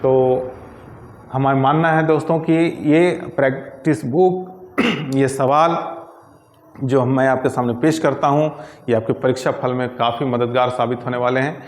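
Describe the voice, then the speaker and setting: A man's voice: mid-range voice, steady tone, measured pace, roomy sound. A man tutoring Hindi grammar, working through exam questions one by one and reading each correct option aloud. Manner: methodical, repeats answer options aloud.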